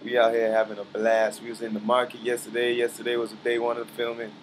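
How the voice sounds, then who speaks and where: A man's voice: mid-range voice, monotone, fast talker, background noise. A man giving a casual, slangy vlog update from a hotel balcony, talking to a handheld camera. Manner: laid-back slangy talk, frequent "you feel me". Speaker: musician vlogging from a trip.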